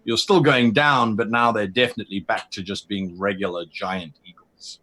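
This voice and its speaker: A man's voice: on the low side, fairly even intonation, moderate pace, sharp tone. A man running a tabletop game as game master, narrating scenes vividly with a few fillers.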